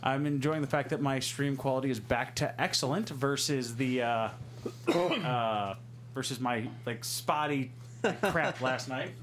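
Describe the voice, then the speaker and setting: A man's voice: medium pitch, measured pace, a bit bright, a little hiss or hum. A man hosting a podcast in loose, rambling casual chat. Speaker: podcast host.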